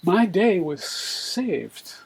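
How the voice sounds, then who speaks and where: A man, a poet, reciting his sonnet in a deliberate, measured verse delivery. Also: high-pitched, very animated, vocal fry, slightly rough, rough recording.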